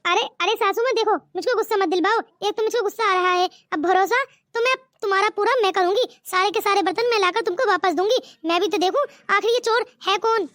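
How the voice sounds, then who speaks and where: Young new bride voiced by a woman, cartoon, defensive, pleading, very high voice, dry sound. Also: fast, fairly bright tone, no echo. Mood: determined.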